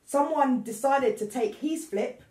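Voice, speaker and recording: A young woman, co-hosting a podcast and telling a story in animated casual chat. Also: high-pitched, measured pace. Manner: animated, acts out voices in anecdotes. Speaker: podcast co-host. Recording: echoey room, mic at a distance.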